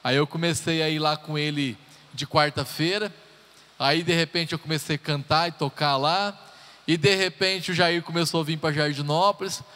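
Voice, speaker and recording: A Brazilian pastor in his thirties opens his sermon with chatty jokes and personal stories for his congregation. His voice is a little high and sharp, steady in tone, at normal speed. Live reverb from the church hall fills the recording.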